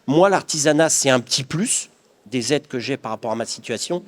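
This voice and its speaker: A middle-aged craftsman guest from the Paris region of France speaks fairly quickly at a medium pitch, with lively intonation. He answers the interviewer earnestly and reflectively, with frequent restarts.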